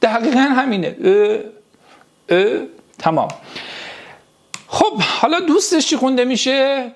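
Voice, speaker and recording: A man teaching a language lesson, slowly repeating each sound and word so his students can copy him, and speaking to them fondly and directly. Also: very high-pitched, sing-song. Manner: slow, repeats each sound and word several times for drilling; addresses the class directly and affectionately. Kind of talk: pronunciation lesson for beginners.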